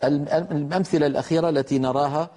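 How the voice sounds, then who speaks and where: A man teaching Quran recitation rules in a televised lesson, explaining step by step in a measured way and slowly demonstrating the pronunciation. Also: a little high, steady tone, warm tone.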